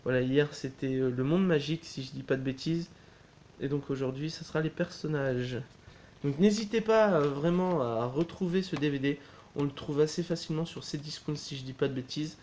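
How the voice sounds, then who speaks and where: A man's voice: on the high side, normal speed, darkish tone, slight background noise. A man chatting casually as he shows a DVD box set, talking in a loose, hesitant way and often correcting himself. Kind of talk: casual unboxing chat.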